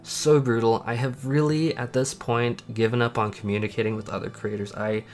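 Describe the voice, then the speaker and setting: A sad, dejected man talking casually and candidly in a personal vlog, halting and emphatic as he confesses his feelings. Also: medium pitch, level tone, a little mellow. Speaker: content creator, channel host.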